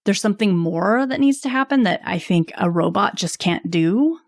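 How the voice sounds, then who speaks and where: A woman copywriter talking as a podcast guest, reflective and laughing softly between thoughts. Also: medium pitch, expressive, moderate pace, no room sound, studio quality. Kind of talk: casual interview chat. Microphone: video call.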